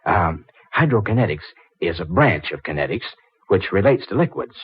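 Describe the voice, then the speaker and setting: A man's voice: deep voice, very animated, normal speed, breathy edge, dry recording, exaggerated voice. An actor playing a brash, flustered young stranger in a 1940s radio drama, stammering and fumbling his words. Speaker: out-of-town engineer visiting a library. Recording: dull old radio recording.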